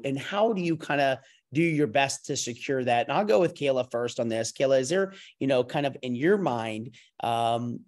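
A man's voice: medium pitch, a little mellow. A middle-aged man leads a panel over a video call, his voice caught by a webcam in a wood-paneled room at home. He rambles in loose, casual talk, starts sentences over and drops in a curse word now and then. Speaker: company CEO hosting a panel.

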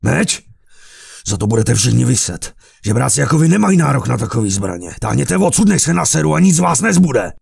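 A man's voice: on the high side, animated, creaky, hardly any pauses, slightly rough, no echo, studio quality, voice pushed up, full character voice. A man voicing a furious proud officer. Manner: shouting, spitting defiance. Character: proud battered noble officer, hot-tempered.

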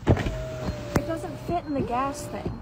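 A young woman with a high voice sounds fed up with her partner. Loud noise runs through the recording. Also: big pitch swings, slow.

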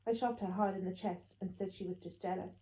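A woman narrating an audiobook in the first person with steady storytelling. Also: mid-range voice, a little fast. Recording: echoey tinny phone-like sound.

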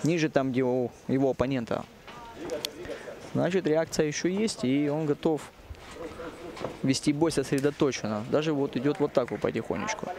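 A man giving live MMA commentary, halting at times and repeating phrases for emphasis. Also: mid-range voice. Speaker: fight commentator. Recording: music and crowd noise behind. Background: arena music and crowd.

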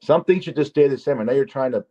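A man hosting a podcast, chatting loosely and telling stories with lots of restarts and emphatic asides. His voice sits at an ordinary middle pitch. The audio is a bit dull and lo-fi. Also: fast talker, mellow. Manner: rambling, restarts, emphatic storytelling. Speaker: podcast host. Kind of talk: casual chat. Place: Las Vegas.

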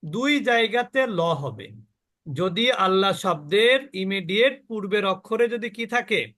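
Slow, high-voiced man teaching recitation. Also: lively intonation, fairly bright tone. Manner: slow, explaining, asks questions of the class; draws out modeled words. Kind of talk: Quran pronunciation lesson.

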